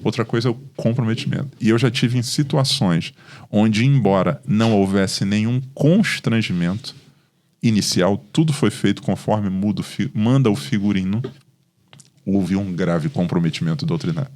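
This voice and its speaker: A Brazilian man, a pastor, talking in a podcast with a fairly low voice. He tells his stories with animation and acts out the dialogue between the people in them. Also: moderate pace, darkish tone. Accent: Brazilian Portuguese. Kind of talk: podcast conversation.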